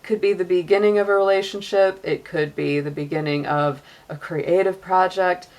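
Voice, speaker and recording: This tarot reader is a middle-aged woman whose voice is fairly low, steady, and a bit mellow, moving at a moderate pace. Her reading is casual and talkative, punctuated by laughter and plenty of "like" and "you know".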